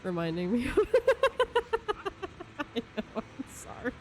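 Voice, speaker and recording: Slow-talking, giggly woman streamer. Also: medium pitch, lively intonation, darkish tone, a little hiss or hum. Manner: laid-back, giggly, chatting with viewers. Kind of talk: casual live stream chat.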